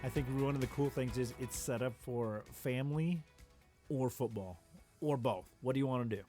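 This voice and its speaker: A man co-hosting a podcast, chatting casually about football in a relaxed, rambling way with frequent ums. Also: medium pitch, normal speed, over music. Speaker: podcast co-host. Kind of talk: casual sports chat.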